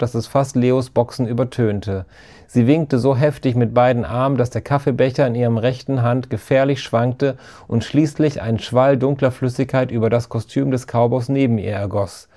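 A man reading a children's story aloud, steady and lively. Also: medium pitch. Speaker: narrator. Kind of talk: storybook narration.

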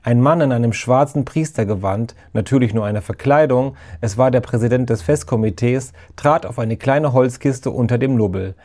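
Ein Mann, der ruhig und gleichmäßig eine Kindergeschichte vorliest. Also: male voice, medium pitch, moderate pace, few pauses, mellow. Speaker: narrator. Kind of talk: storybook narration.

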